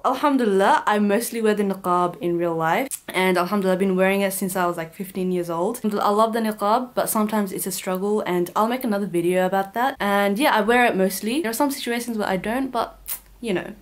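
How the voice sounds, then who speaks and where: A young woman, answering viewer questions in a casual, joking vlog. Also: mid-range voice. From Bangladesh. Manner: chatty and joking, lively asides. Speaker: YouTuber.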